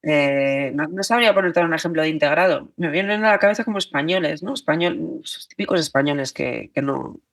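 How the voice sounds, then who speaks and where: Woman, podcast guest, somewhat low, hesitant and searching for words. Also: a little fast, hardly any pauses. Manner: hesitant, many fillers and restarts. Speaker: guest journalist and author. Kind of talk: podcast interview.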